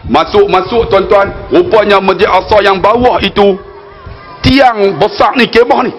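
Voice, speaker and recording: A man's voice: high voice, fairly even intonation, normal speed, faint music behind. A man in his forties with a northern Malaysian Malay accent, giving a religious lecture as a storytelling preacher who keeps addressing the audience and slips in jokey asides. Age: 40s.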